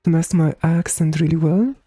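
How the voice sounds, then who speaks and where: Talking fairly quickly in a medium, slightly rough voice, a Romanian-accented game streamer who sounds androgynous banters with viewers, swearing freely and leaning on fillers. There's no room sound.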